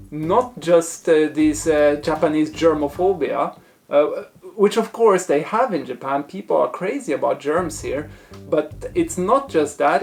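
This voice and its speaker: A man presenting a casual taste-test review, thinking aloud in hesitant, broken phrases. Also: a little high. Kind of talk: casual food review talk to camera.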